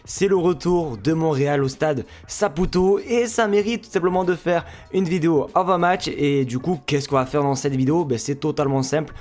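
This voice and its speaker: A man from France with a French accent, hosting a casual football preview vlog. He jokes around and calls his viewers his friends, in a voice pitched a bit above average. Soft music plays faintly behind him. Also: normal speed, hardly any pauses. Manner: jokey, chatty, addresses viewers as friends. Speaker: football fan YouTuber and Twitch streamer. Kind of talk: casual pre-match football analysis vlog.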